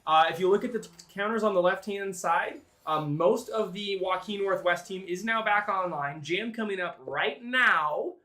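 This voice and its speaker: A man giving live play-by-play commentary on a video game match in an excitable announcer style. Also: sits high, moderate pace, few pauses. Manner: excitable announcer-style calls that swell at big plays. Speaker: esports commentator, play-by-play caller.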